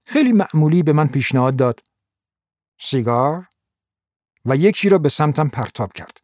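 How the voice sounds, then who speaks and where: A man reading a first-person noir novel as scripted audiobook narration in a steady, measured way. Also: a little high, dry recording, studio quality.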